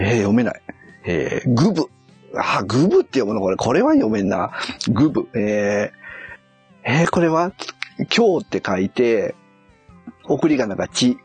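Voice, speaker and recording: Gravelly man puzzling aloud. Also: medium pitch. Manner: muttering and puzzling aloud, correcting himself. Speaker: streamer. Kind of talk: casual live stream, reading a kanji quiz aloud.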